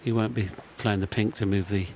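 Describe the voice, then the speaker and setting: A man's voice: lowish voice, steady tone, brisk, a little mellow, slight background noise. A man giving analytical live snooker commentary as a broadcast commentator.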